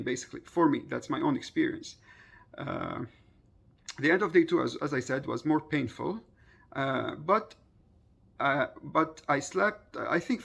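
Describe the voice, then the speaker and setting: Man, around 30, low-pitched and very creaky, telling a personal story informally, haltingly. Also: a bit bright. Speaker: vlogger recounting a personal experience.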